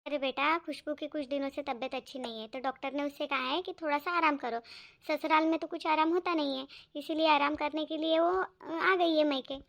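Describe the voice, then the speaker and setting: A woman voicing a gentle consoling mother. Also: sits high, steady tone, a little fast. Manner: soft, consoling. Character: soothing middle-aged mother. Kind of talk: cartoon voice acting.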